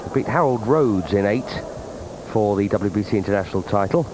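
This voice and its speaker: A man's voice: lowish voice, lively intonation, brisk. A man giving conversational boxing commentary. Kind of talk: conversational television fight commentary. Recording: clear background arena noise.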